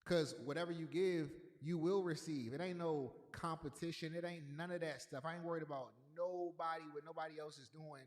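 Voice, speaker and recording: A man's voice: fairly high pitch, steady tone, brisk, hardly any pauses, darkish tone. A man hosting a livestream in a casual, loose way, often repeating himself and greeting chat viewers by name. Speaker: livestream host. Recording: long echoey reverb.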